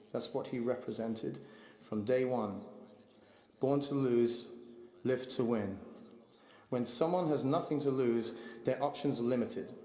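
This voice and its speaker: A man delivering a heartfelt memorial eulogy for his father, speaking in a measured, steady way. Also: mid-range voice. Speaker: eulogy speaker, son of the deceased. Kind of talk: memorial eulogy read aloud. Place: large memorial hall. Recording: echoey hall, long reverb.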